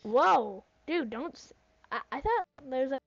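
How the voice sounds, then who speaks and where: Female teammate, playful and teasing, somewhat high voice, casual gaming chat. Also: lively intonation, measured pace, creaky, highs cut off, soft background music.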